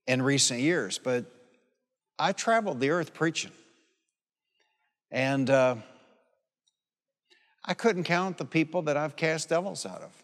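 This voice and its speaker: An older pastor with a slightly high voice preaches in a reverberant hall or church, the live sermon ringing with long reverb. He's folksy and emphatic, repeating phrases for emphasis, sharing personal anecdotes and calling for amen from the congregation.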